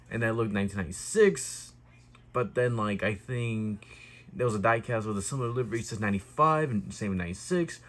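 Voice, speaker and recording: Brief: male vlogger, mid-pitched, rambly and self-correcting, casual hobby review. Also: a bit bright. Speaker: YouTube diecast reviewer.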